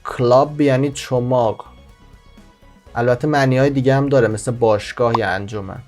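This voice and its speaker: Brief: male host for a tutorial voice-over, mid-pitched, slows down to explain words, soft music under it. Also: steady tone. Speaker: language-learning channel host. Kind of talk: screen-recorded tutorial voice-over.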